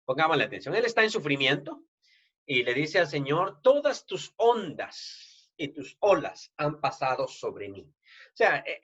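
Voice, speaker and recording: A man with a Latin American Spanish accent preaches a sermon in a relaxed, conversational way. He keeps checking in with his listeners through tag questions and often restarts his sentences. His voice sits a little high and swings widely in pitch, and the recording sounds dull and lo-fi. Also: breathy edge.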